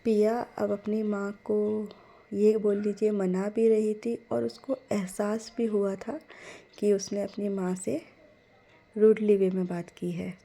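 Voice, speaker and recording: A woman storyteller with a gentle, unhurried delivery. Her voice is soft and mellow, and she talks slowly, speaking directly to her listeners. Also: mid-range voice, level tone, gravelly. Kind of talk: scripted story narration.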